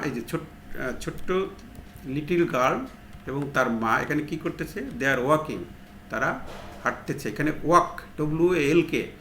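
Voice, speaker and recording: A man's voice: fairly high pitch, fairly bright tone, echoey room, a little hiss or hum. Man explaining a lesson step by step. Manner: explains step by step, asks and answers his own questions. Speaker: English teacher. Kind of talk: tutorial lesson.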